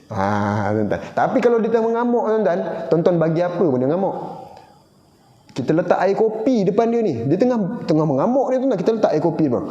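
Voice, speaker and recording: A high-pitched man with a Johor Malay accent preaching to a congregation in a mosque, with a mellow, warm tone. He tells stories and slips into quoted voices, calling out to his listeners again and again. The sound comes from a reverberant hall through a dull, lo-fi recording. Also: big pitch swings, a little fast. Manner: storytelling, keeps addressing the congregation, acts out quoted voices. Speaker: mosque lecturer. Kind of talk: Malay evening mosque lecture.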